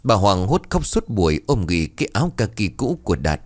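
A man with a very low, deep voice narrates a horror tale with suspense. His pitch moves widely and expressively, building dread line by line. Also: sing-song, brisk. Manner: dramatic, suspenseful. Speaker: storyteller.

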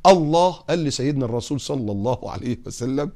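A man with an Egyptian accent preaching on morals, putting lively rhetorical questions to his audience and telling humorous anecdotes. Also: mid-range voice, fast talker. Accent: Egyptian Arabic. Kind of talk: religious talk on morals.

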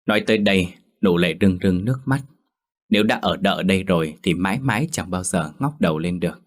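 Low-voiced male storyteller. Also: brisk. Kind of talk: scripted narration of a ghost story.

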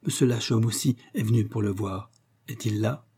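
A man's voice: on the low side, moderate pace, warm tone, husky. A man reading the part of a cheerful young male servant, eager and exclamatory.

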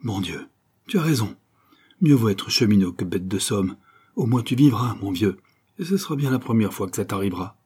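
A man's voice: fairly low pitch, animated, normal speed, mellow, breathy edge. A man doing a firm young sailor. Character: young sailor, earnest and decisive. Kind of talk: audiobook character voice.

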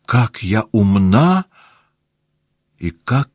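A lively teenage girl, teasing and insistent, as a male audiobook reader puts her on. The voice is raised well above his own and swings widely in pitch. The studio sound is close and dry. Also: very slow, no echo, full character voice. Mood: dreamy. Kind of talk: audiobook character voice.

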